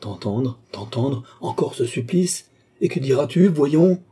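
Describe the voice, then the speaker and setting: A man's voice: mid-range voice, expressive, a little slow, breathy edge, voice pushed up. A man reading an audiobook, voicing a proud young noblewoman who is furious and contemptuous. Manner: shouting, raging, contemptuous. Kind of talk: audiobook character voice.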